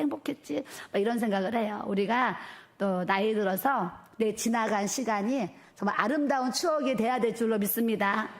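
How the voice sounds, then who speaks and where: Middle-aged woman pastor, animated and emphatic sermon delivery in a church, slightly high voice. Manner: animated, emphatic preaching with repeated fillers. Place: church sanctuary.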